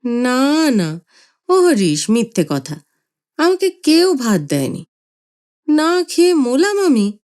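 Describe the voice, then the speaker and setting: A woman voicing a frail, nearly blind, almost hundred-year-old grandfather who whines slowly and plaintively like a child. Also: mid-range voice, sing-song, mellow. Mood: whining. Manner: slow, plaintive, whining.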